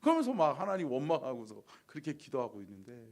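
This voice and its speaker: A man, a senior pastor, preaching a sermon in a church. He tells stories, asks the congregation questions, and sometimes drops to a soft whisper. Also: medium pitch, wildly swooping pitch, fast. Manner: drops to a soft whisper when quoting God.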